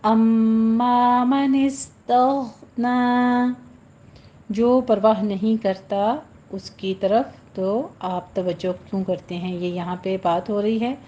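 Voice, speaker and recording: Woman recitation teacher, mellow voice, muffled recording, slow drawn-out chanting between brisk explanations. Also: mid-range voice, steady tone. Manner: chants verses very slowly with long drawn vowels, then explains rules briskly. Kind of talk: slow tajweed lesson, recitation alternating with explanation.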